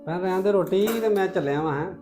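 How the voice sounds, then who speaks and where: A woman playing a grown man, a gentle brother on a visit who soothes and politely refuses. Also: lowish voice, quick pace, lightly acted. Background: music.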